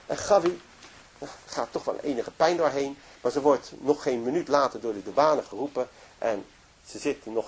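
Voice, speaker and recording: A man's voice: fairly high pitch, slight background noise. A man telling a moving story in a religious lecture, narrating with emotion and frequent restarts. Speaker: religious speaker.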